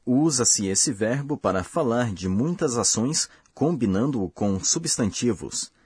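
A man hosting a language course, giving slow, careful, scripted explanations. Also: mid-range voice, lively intonation, a little mellow, husky, no room sound, clean studio sound. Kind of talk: scripted lesson narration.

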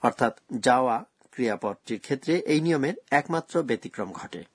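A man presents a scripted language lesson, walking through grammar rules slowly and with care. His voice is husky, and the recording is dry and close with no room sound. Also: mid-range voice, expressive, dry recording. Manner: slow, careful explaining of grammar rules.

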